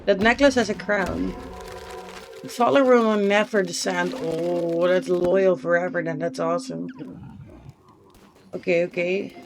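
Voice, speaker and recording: A woman's voice: fairly low pitch, steady tone, a little slow, pauses often, background noise. A woman streamer chatting casually and thinking aloud while she plays a game, with the odd swear word. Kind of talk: casual live gameplay commentary.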